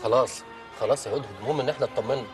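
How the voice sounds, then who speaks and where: A man's voice: medium pitch, rapid-fire, over music, natural voice. An actor with an Egyptian accent playing a tired, soothing father in a comedy film. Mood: weary. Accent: Egyptian Arabic.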